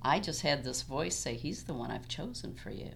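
A woman's voice: deep voice, expressive, moderate pace, vocal fry, slightly rough. A woman in her sixties, a podcast guest, telling stories in reflective, casual conversation.

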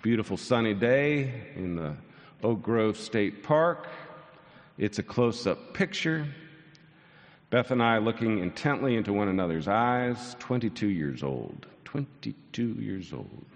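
Speaking unhurriedly in a fairly low, expressive voice, a sixty-something pastor preaches in a large church sanctuary, and the recording carries long hall reverb. His sermon tells stories with dry humor at his own expense before climbing to soaring lines.

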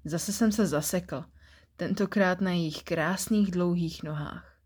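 A woman reading a first-person short story aloud for a podcast in a calm, even storytelling manner. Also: fairly low pitch, husky.

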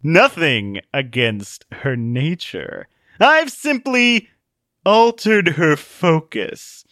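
A man voicing a smug, pompous know-it-all villain who drawls his lectures slowly. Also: fairly high pitch, sing-song, sharp tone, no room sound, studio quality, pitched above the performer's own voice, heavily acted. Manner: slow, drawn-out and pompous.

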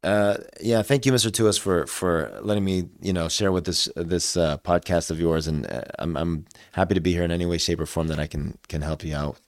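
Low voiced guy in his 40s, doctor being interviewed, stops and starts, close dry sound. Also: no room sound. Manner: halting, hesitant phrasing. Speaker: interview guest, surgical oncologist. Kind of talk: conversational interview answers.

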